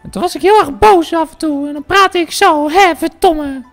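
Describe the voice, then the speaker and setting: A shrill, squeaky chipmunk-like voice pitched far above normal speech, put on by a man chatting over a game. Each phrase sits very high, and faint music plays in the background. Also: moderate pace, a bit bright. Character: squeaky chipmunk-like voice of his younger self. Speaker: gaming video co-host. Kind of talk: casual chat while playing a game.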